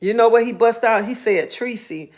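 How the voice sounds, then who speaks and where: A woman's voice: on the high side, fairly even intonation, a little fast, darkish tone. A woman, talking in a casual live-stream monologue, earnest and heartfelt, repeating herself for emphasis. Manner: earnest, heartfelt storytelling with repetition.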